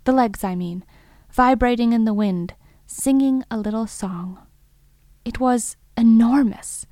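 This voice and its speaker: A woman performs a scripted, reflective first-person audio fiction monologue as a thoughtful, wondering narrator of strange field reports. Her natural voice is fairly high with a darkish tone, recorded very dry with no room sound at all. She speaks in measured, lyrical phrases, like an intimate audio drama.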